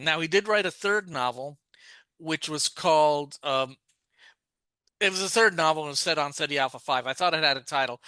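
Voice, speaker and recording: Recorded clean with no room sound, this man's fairly high, sharp voice drifts through a casual podcast discussion. As co-host, he keeps restarting and wandering into asides while thinking out loud.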